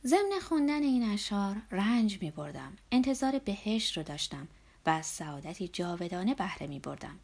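A woman narrating a literary novel in a measured, reflective manner, sometimes softening to a near whisper. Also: medium pitch, very animated. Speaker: audiobook narrator.

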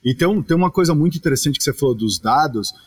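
A man from Brazil, a podcast guest, explaining his topic at length in casual chat with animated asides. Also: on the high side, rapid-fire, slightly rough.

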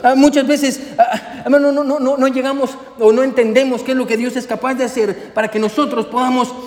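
A pastor preaches a sermon emphatically and repetitively, firing question after question at the congregation and calling them brother. His very high-pitched voice is darkish in tone, delivered fairly quickly but flatly, in an echoey hall.

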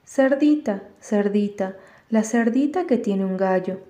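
A woman voicing a rough schoolboy bully who taunts in a singsong. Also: mid-range voice, unhurried, mellow, lightly acted. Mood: taunting.

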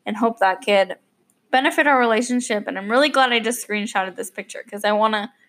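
This unscripted, casual podcast monologue comes from a young woman whose voice is medium-pitched, fairly quick, and a bit bright. Her talk meanders through fillers and restarts, and she's a little choked up.

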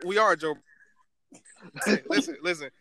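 A man's voice: high-pitched, sing-song, normal speed, a loud crowd. A young man hosting a casual debate among friends, talking in an insistent, slangy frat-bro way full of "bro". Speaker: host of a group anime debate.

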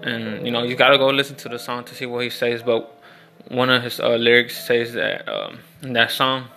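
A man's voice: mid-range voice, little pitch movement, moderate pace, sharp tone, soft background music. A young man telling stories in a casual, rambling monologue, with lots of fillers and restarts. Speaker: vlogger.

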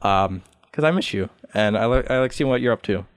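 A man talking as a guest on a podcast in casual chat, earnest and hesitant, full of pauses and restarts. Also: fairly low pitch, animated, no echo, clean studio sound.

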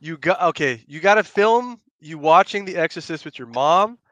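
A man's voice: a little high, lively intonation, moderate pace, highs cut off, crowd noise. A man co-hosting a podcast, joking and laughing often in casual chat. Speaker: podcast co-host.

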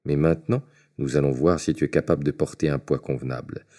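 Brief: a man voicing a gruff, scornful giant, very deep dark storybook voice. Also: fairly even intonation, fast talker.

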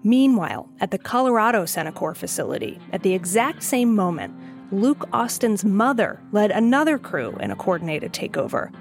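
A woman narrates a documentary podcast in an even, measured way, reading a carefully scripted story. Soft music plays faintly beneath her voice. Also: mid-range voice.

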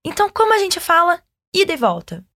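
A woman's voice: very high-pitched, wildly swooping pitch, brisk, pushed and bright, no room sound, clean studio sound. A woman teaching French, patiently modeling phrases for listeners to repeat. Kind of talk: language lesson with repeat-after-me drills.

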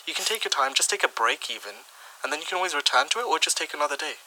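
A man's voice: a little high, expressive, very fast, bright, forceful tone, a little hiss or hum, rough recording. A young man co-hosting a podcast, chatting casually and giving laid-back advice. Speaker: podcast co-host. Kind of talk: casual chat.

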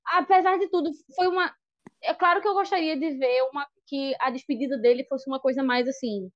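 A woman's voice: high-pitched, dry recording. A Brazilian woman co-hosting a podcast, talking in an emotional way full of fillers. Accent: Brazilian Portuguese. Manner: fast, emotional, lots of fillers. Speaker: podcast co-host. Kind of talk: casual podcast chat. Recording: dull lo-fi sound.

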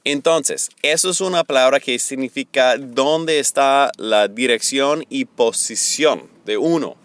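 A middle-aged man teaching on Bible words, earnest and slow, mixing a personal confession into his explanation. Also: mid-range voice, fairly bright tone, no room sound. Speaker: preacher.

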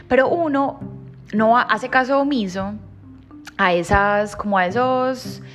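A woman in her thirties giving a reflective motivational monologue, heartfelt and emphatic, sometimes dropping to a soft hush. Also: fairly high pitch, a little slow, faint music behind. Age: 30s. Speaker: personal growth speaker.

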